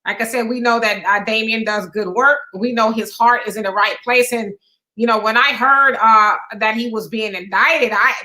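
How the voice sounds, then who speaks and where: A woman's voice: on the high side, steady tone, normal speed, bright, forceful tone. A woman co-hosting a casual political talk show, chatty and meandering with lots of fillers. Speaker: co-host.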